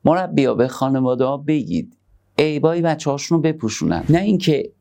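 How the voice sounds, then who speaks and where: A man giving a conversational sermon on parenting, moving between soft, tender asides and emphatic points. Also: fairly high pitch, expressive, gravelly. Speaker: religious speaker.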